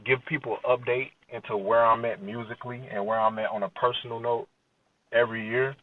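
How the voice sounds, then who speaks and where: A Chicago rapper in his late twenties, an American, chats casually as a guest on a podcast interview, informal and slangy, often checking that the listener is following. His mid-range voice is fairly quick with fairly even intonation, and the lo-fi recording sounds dull, with him distant from the mic.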